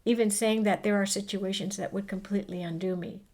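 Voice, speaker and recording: A woman's voice: medium pitch, fairly even intonation, fairly quick, darkish tone. A middle-aged American woman from Hawaii speaking earnestly and expressively as a guest in a heartfelt, casual conversation, repeating phrases for emphasis. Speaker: interview guest sharing her story.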